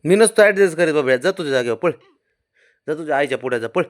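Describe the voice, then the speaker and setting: A man talks to his pet cat in a loose, teasing way. He coaxes and scolds it by turns, and his voice keeps jumping up higher and louder. It sounds like casual home chat. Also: expressive, fast. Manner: teasing, coaxing, often raised and loud. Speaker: pet owner.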